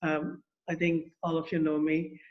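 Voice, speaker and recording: A man hosts a relaxed conversation in a noticeably high voice. His tone is inviting and easygoing, and the recording sounds slightly muffled, as if the highs were cut off. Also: unhurried. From rural India. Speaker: host. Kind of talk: casual conversation.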